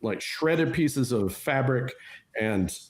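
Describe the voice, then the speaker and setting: A man's voice: mid-range voice, expressive, takes it slowly. A man running a tabletop role-playing game as game master, explaining rules and describing scenes patiently with many fillers and restarts.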